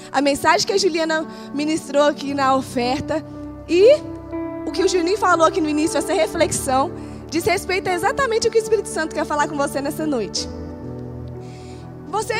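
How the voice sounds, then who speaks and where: A young woman preaching at a youth service, telling a lively, laughing story in a dramatic way. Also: very high-pitched. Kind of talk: storytelling sermon. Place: church hall, live service. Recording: live sermon with background music.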